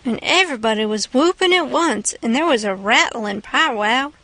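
High-voiced woman reading a story. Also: animated, normal speed, sharp tone, no echo. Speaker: audiobook reader. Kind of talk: scripted narration of a classic novel.

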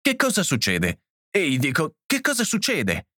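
A man's voice: medium pitch, expressive, brisk, fairly bright tone, dry recording, close to an everyday voice. An angry father snapping out brusque lines, as a man puts him on. His tone lifts sharply as he confronts the others. The audio is dry, with no room sound. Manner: brusque, furious. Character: angry father defending his wife and child.

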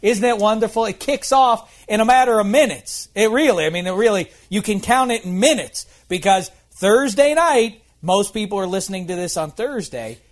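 A man's voice: high-pitched, animated, moderate pace, few pauses. A man hosting a comedy talk show, upbeat and teasing, with an announcer-like delivery. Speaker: radio comedy show host.

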